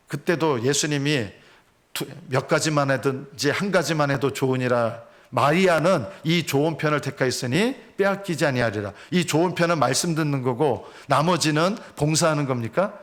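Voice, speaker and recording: Earnest pastor. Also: male voice, a little high, moderate pace. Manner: earnest, rhetorical questions to congregation. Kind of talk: sermon.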